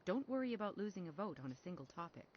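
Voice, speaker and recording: A polite scholar judge in a video game, calm and honorable. Her lowish voice still moves widely, over dull lo-fi audio. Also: a little hiss or hum. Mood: courteous. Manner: polite, measured.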